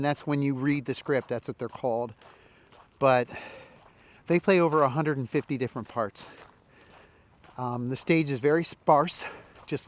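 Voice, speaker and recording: Guy, mid-pitch, loose chatty vlogger rambling while walking through a park outdoors. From Indianapolis, Indiana, US. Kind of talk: walk-and-talk vlog.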